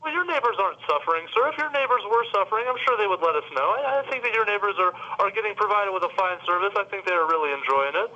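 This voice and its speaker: A man's voice: sits high, animated, rapid-fire, few pauses, pushed and bright. A man working as a cable sales rep on a phone call, polite and stammering, saying sir again and again. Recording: dull phone line.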